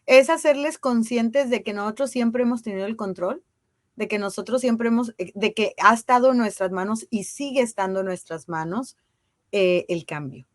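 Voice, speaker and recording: A woman speaks as a guest in a casual interview. Her voice sits fairly high and sounds dry and close. She talks earnestly and with emphasis, often asking rhetorical questions. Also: moderate pace, dry recording. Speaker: guest on women's ceremonial circles.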